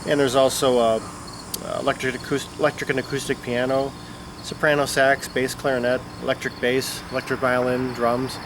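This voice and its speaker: A Chicago-area man with a flat delivery, medium pitch, and normal speed sounds congested as he casually rambles about music, using plenty of fillers. He's a record-collecting vlogger talking unscripted to camera outside on a summer afternoon, with insects and traffic heard in the background.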